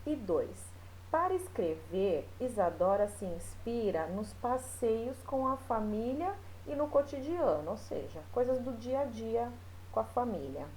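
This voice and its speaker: A woman's voice: fairly high pitch, lively intonation, darkish tone, slight background noise, low-quality recording. A woman teacher talking her class through a recorded lesson in a loose, chatty way, with many small fillers. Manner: explains slowly, with frequent fillers.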